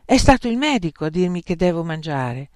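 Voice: medium pitch, sing-song, a little fast, dry recording, clean studio sound, lightly acted. A narrator voicing Lena, a carefree, cheerful widow with a big appetite, in a storybook reading. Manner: bright and carefree.

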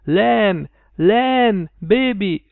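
A man reading an audiobook and voicing a big motherly wife who calls out loudly and gushes. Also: high voice, little pitch movement, brisk, clean tone, dry recording, voice pushed up. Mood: gushing calls. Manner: loud, gushing. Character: big motherly wife shouting for her husband. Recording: tinny phone-like line.

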